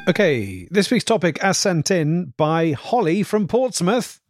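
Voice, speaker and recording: Higher-voiced, lively British man. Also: unhurried, faint music behind. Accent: modern British. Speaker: comedy podcast co-host. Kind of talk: casual comic banter.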